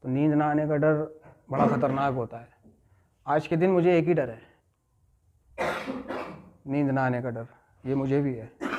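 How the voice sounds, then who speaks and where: Man, recovery class leader, fairly high voice, storytelling lecture, muffled lo-fi sound. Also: mellow. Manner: checks in with listeners, repeats key phrases. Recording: muffled lo-fi recording.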